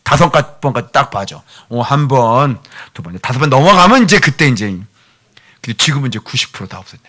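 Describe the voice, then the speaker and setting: A man's voice: medium pitch, animated, a little fast, bright, forceful tone. A male pastor preaching a sermon in a church, chatting with the children by name and sometimes dropping to a near-whisper. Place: church sanctuary.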